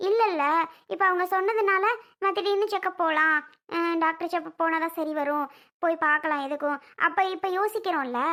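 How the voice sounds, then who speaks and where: A woman's voice: extremely high pitch, a bit bright. A woman playing a young wife who sulks and cries, stubborn and plaintive, in a family skit. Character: young wife, sulky and tearful.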